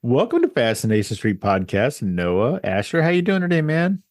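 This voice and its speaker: A man's voice: medium pitch, sing-song, loud music behind the voice. A man from Texas hosting a podcast interview, asking questions in a casual, teasing way and cracking jokes. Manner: joking, teasing, fast questions. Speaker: podcast host.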